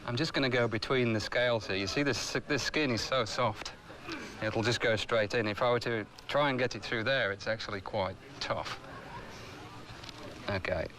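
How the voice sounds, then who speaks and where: A man's voice: mid-range voice, normal speed, crowd noise. A man speaking as an animal expert on location in a nature documentary, explaining things in an unscripted way. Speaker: crocodile expert. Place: outdoors on location. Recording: outdoor location sound with music.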